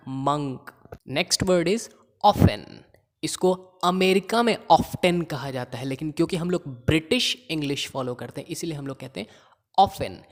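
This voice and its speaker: A man teaching pronunciation who drills single words slowly and over again and teases learners about their common mistakes. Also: a little high, long reverb tail. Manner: slow drilling of single words, repeating them; mocking, teasing asides about common mistakes. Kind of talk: classroom pronunciation lesson.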